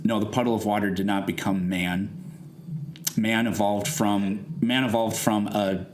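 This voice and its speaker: A man's voice: fairly low pitch, flat delivery, a little slow, a little hiss or hum. A man debating conversationally, explaining his reasoning in a pedantic way with rhetorical questions. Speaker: debater defending evolution.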